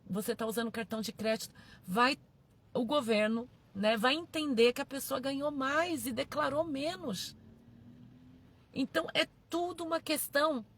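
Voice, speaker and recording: A woman pastor, preaching a sermon emphatically, repeating her phrases and calling out to her listeners. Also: a little high.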